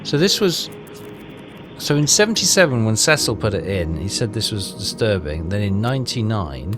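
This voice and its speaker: A man hosts a game playthrough, thinking aloud casually and reading snippets of on-screen text as he figures things out. His pitch is fairly low.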